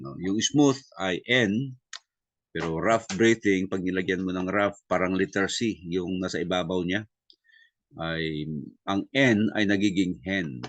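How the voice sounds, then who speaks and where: Man teaching, very low voice, unhurried, many fillers, dry recording. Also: no echo. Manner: Tagalog-English mix, many fillers and tag questions; spells out sounds slowly and deliberately. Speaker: Greek class teacher. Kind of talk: classroom lesson review.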